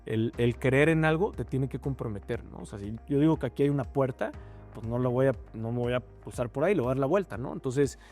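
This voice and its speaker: A young man with a Mexican accent, a startup founder talking through a relaxed, reflective interview with many fillers. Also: mid-range voice, a little fast, soft background music. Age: young adult. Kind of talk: casual interview conversation.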